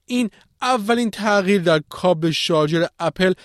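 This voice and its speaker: Male news presenter for a podcast, scripted read, fairly high pitch, close dry studio sound. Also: no echo.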